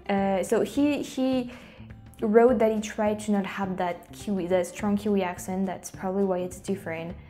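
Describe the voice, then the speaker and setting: A young YouTuber, French-accented, addresses her camera in an easygoing vlog from a small room. Her voice sits at a medium pitch with a dark tone, and she often begins sentences over or falls into whispering.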